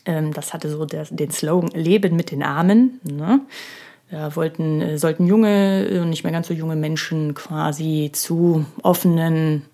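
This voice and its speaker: A woman's voice: sits low, fairly even intonation, unhurried, warm tone. A woman in her thirties hosting her own podcast, talking alone in a chatty, self-ironic way with many filler sounds. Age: 30s. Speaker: podcast host. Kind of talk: casual solo podcast monologue. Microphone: studio microphone.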